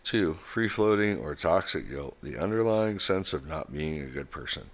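A man's voice: a bass voice, animated, moderate pace. A man hosting a podcast as a coach, giving casual advice in a blunt, emphatic way.

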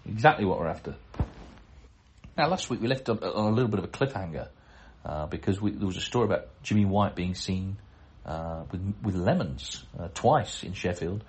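Chatty man with a low voice. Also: animated, normal speed, slight background noise. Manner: chatty, chuckling, self-deprecating asides. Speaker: podcast host reading listener mail. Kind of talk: casual chat and letter reading.

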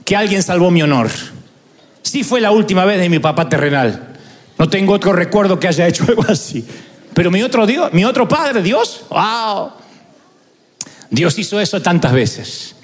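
A man, preaching a storytelling sermon that swings from hushed asides to loud, emphatic preaching. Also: high voice. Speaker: pastor.

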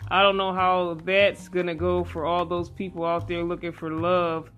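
Muffled slightly by her face mask, a woman hosts a casual interview with a folksy earnestness while guitar music plays behind her. Her voice is on the low side yet fairly bright in tone, with little pitch movement and a normal speed.

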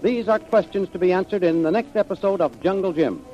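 A man plays a 1930s radio serial announcer, narrating dramatically and declaiming every line. His voice is high and animated, and he talks a little fast. It sounds like a muffled, hissy vintage radio recording.

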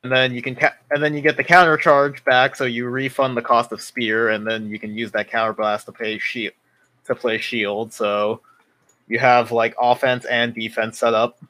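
A man's voice: mid-range voice, flat delivery, normal speed, sharp tone. A man in his twenties co-hosting a casual podcast, thinking aloud and explaining step by step. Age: 20s. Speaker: podcast co-host. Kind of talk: casual chat.

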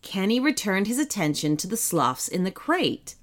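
A woman narrating a children's story in an expressive, animated storybook reading. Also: mid-range voice, moderate pace.

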